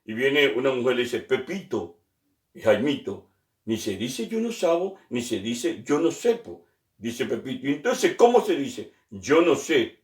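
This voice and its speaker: A man telling jokes in an animated way, acting out the characters and laughing at his own punchlines. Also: medium pitch, measured pace, roomy sound, distant mic. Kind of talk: joke telling.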